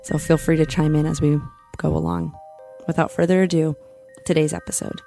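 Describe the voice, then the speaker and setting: Female podcast host with a flat, fry-edged delivery, earnest and measured over a music bed. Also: low voice. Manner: deliberate, measured, reflective. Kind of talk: earnest spoken introduction.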